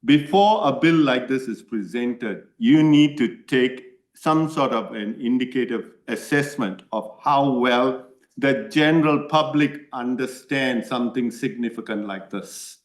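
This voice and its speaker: In an echoey room, an earnest man from Malaysia whose first language is Tamil responds to questions from a parliamentary committee he has made a submission to. He speaks in a mid-range voice, a little slowly and with few pauses, repeatedly asking "right?".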